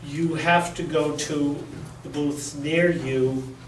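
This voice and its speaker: A man's voice: a little high, fairly even intonation, slow, distant mic, noisy background. A man giving an informal training talk to a room of volunteers, blunt and joking, with emphatic asides. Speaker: workshop presenter. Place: community center meeting room. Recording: echoey room, picked up from afar.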